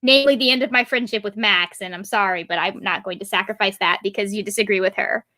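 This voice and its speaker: A woman in her thirties hosting a casual chat over a video call, animated and laughing often. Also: mid-range voice, fast, no room sound. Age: 30s. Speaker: livestream host.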